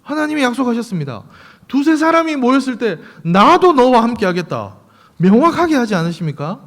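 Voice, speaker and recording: Animated pastor preaching in a church. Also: male voice, very high-pitched, brisk. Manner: animated preaching, rhetorical questions, light humor. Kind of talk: sermon. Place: church sanctuary. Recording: long reverb of a church sanctuary.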